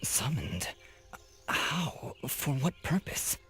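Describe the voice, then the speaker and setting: A man's voice: a little high, big pitch swings, extremely slow, creaky, fairly bright tone, faint music behind, exaggerated voice. A man playing an earnest, bewildered young warrior in a video game, polite and a little hesitant.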